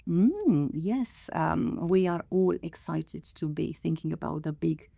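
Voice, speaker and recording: A middle-aged woman from Romania, a council director speaking as a podcast guest in a measured, thoughtful way with many pauses. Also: low voice, lively intonation, creaky, mellow, no room sound. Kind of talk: podcast interview.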